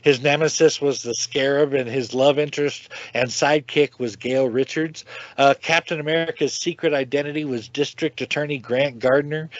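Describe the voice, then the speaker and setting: A man's voice: medium pitch, dry recording, lo-fi sound. A man co-hosting a podcast, talking casually and with strong opinions, often repeating a word as he goes. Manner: chatty, opinionated, repeats words while talking. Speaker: podcast co-host.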